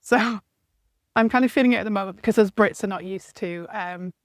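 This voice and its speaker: A woman's voice: medium pitch, brisk, dry recording. Female guest, northern English accent, chatty and laughing, dry mic. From northeast England. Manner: chatty, laughing, rhetorical tag questions. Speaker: guest, creative coach. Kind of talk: casual chat.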